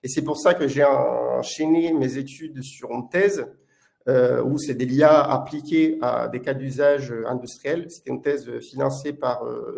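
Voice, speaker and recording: A man from Italy gives a live webinar as a product manager, his Italian accent clear and his delivery halting and filled with filler noises. The voice is mid-range, creaky and a little mellow.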